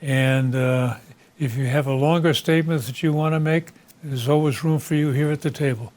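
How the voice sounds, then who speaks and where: A man hosting a local talk show, speaking in an unscripted, conversational and somewhat halting way. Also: a little high, fairly even intonation, darkish tone.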